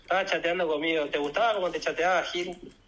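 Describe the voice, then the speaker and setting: A man's voice: fairly high pitch, fairly even intonation, fast talker, a crowd in the background, rough recording. A man with an Argentine accent in an online voice-chat argument, mocking and taunting his rival with repeated jabs. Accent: Argentine Spanish. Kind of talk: heated argument.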